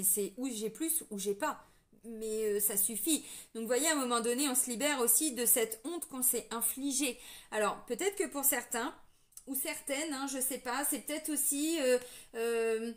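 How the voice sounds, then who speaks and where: A woman's voice: fairly high pitch, normal speed. A French woman doing a casual spiritual reading, talking straight to her viewers with lots of fillers and restarts. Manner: chatty, addresses viewers directly, many fillers and restarts. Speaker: tarot reader giving a spiritual guidance. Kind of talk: casual spoken guidance to viewers.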